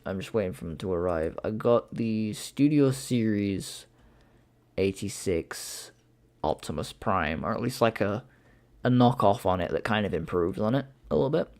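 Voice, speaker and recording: A man's voice: lowish voice, lively intonation, moderate pace, a little mellow. Laid-back young streamer guy. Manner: laid-back, swears casually, laughs easily. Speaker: livestream host. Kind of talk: casual live commentary.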